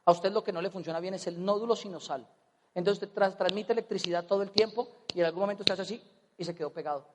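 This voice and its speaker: A Colombian man telling a personal story as a motivational speaker, animated and comic, acting out voices. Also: sits high, quick pace, long reverb tail, slight background noise. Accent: Colombian Spanish. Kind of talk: storytelling talk on stage.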